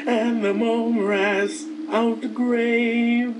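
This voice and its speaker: A woman's voice: fairly high pitch, big pitch swings, takes it slowly, a little mellow. A woman playing a teasing, mad cartoon cat with a sing-song, playfully evasive delivery. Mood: sly, mad. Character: mischievous, teasing male Cheshire cat, grinning and mad. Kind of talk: cartoon fandub acting. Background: music.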